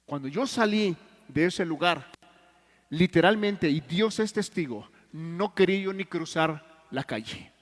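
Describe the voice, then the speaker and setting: A man preaching a sermon in Mexican Spanish, telling stories earnestly and swinging between loud and hushed. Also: a little high, animated, measured pace. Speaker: pastor. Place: church hall. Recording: long church reverb.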